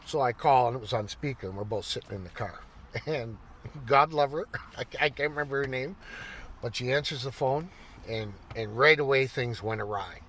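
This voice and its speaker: A man's voice: medium pitch, normal speed, a bit bright, slight background noise. A middle-aged man telling stories in a casual chat, laughing often and swearing casually. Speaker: vlogger. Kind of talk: casual storytelling.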